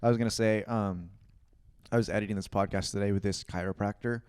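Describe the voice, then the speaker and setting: Young guy, lowish smooth voice, rambly podcast chat with lots of likes. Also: fairly even intonation, fast, a little mellow, dry recording, clean studio sound. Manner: rambling, filler-heavy, laughs easily. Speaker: podcast co-host. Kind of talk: casual chat.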